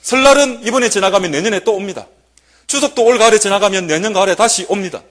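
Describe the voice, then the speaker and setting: A young man preaching a sermon as a junior pastor in a church, swinging from loud proclamation to hushed asides. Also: sits high, fast.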